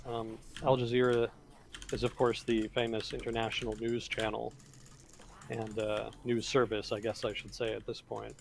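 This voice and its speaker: A man co-hosting a casual livestream, explaining world affairs in a measured way with fillers and self-corrections. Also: mid-range voice, creaky, slight background noise. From United States.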